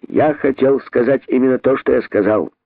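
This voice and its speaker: A male narrator voicing a pompous, haughty royal herald who shouts in indignant bluster. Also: medium pitch, moderate pace, gravelly, dry recording, voice pushed up. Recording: narrow phone-like band.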